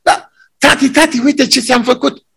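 A man voicing an eager five-year-old child calling to his father in a high, excited voice. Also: vocal fry, husky, full character voice.

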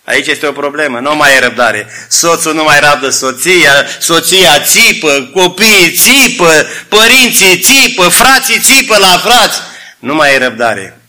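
Fervent preacher with a bright, high voice. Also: male voice, lively intonation. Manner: fervent, addresses the congregation as brothers, acts out dialogue. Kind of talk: sermon.

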